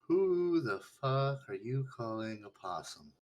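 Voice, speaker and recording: A man's voice: mid-range voice, very animated, takes it slowly, heavy background noise. A man voicing an exasperated, foul-mouthed little gnome girl who talks down as if to a child, on a clipping mic. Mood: indignant. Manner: blunt, condescending, simplifying as if for a child.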